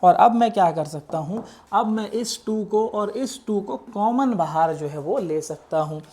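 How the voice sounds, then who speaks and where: A man's voice: sits high, animated, unhurried, a little mellow, a little hiss or hum. A man teaching engineering maths, explaining worked problems step by step. He mixes English math terms into his talk and keeps checking that students follow.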